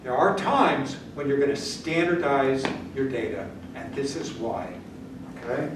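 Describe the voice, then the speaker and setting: In a mid-range voice and at a measured pace, an older man whose native language is German works through statistics on a whiteboard. He keeps it casual and direct, regularly checking in with students. A camera at the back captured it, leaving the sound far off, echoey, and noisy.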